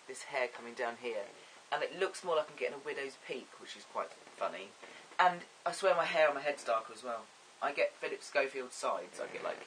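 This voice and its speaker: Bright, chatty man. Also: mid-range voice, a little hiss or hum, low-quality recording. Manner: chatty, rambling, self-amused, frequent ums. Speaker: vlogger. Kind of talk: casual to-camera vlog.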